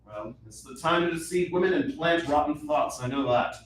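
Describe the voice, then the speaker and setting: A man's voice: on the high side, lively intonation, moderate pace, a little hiss or hum, natural voice. An actor playing an arrogant, hot-tempered young king in a stage reading, barking orders with contempt. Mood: scornful. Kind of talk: stage reading of a musical play. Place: theater stage. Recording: very echoey hall, mic far off.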